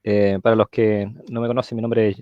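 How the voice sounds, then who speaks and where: A Chilean man speaking as a guest on a live religious stream, often pausing and searching for words. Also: on the low side, level tone, no echo, highs cut off. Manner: hesitant, searching for words, many fillers.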